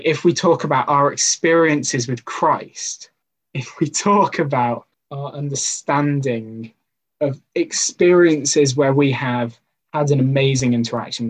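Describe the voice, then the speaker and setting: A man's voice: medium pitch, low-quality recording. A man giving an informal sermon to a youth group, talking conversationally with personal stories and rhetorical questions.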